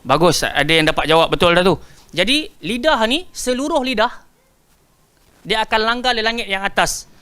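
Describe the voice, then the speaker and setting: Bright high-voiced Malaysian male Quran teacher. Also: animated, clean tone. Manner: drills pronunciation, stretching words slowly and asking pupils to repeat; quizzes pupils by name and praises answers. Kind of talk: teaching Quran recitation to a class.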